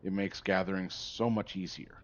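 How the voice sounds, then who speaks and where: Male gaming streamer, low-pitched, chatty and sidetracked, slightly muffled lo-fi stream audio. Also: fairly even intonation, moderate pace. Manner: rambling, easily sidetracked, chatty with a viewer. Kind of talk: casual livestream chat.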